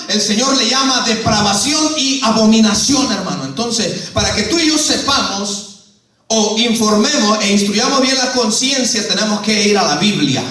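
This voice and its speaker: A male pastor with a very high voice delivers a sermon, firing questions at the congregation and repeatedly addressing them as brother. The recording is heavily echoey, as if caught in a church hall from some distance away. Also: bright, forceful tone. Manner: preaching, keeps calling the listener "hermano"; asks the congregation questions and acts out quoted voices.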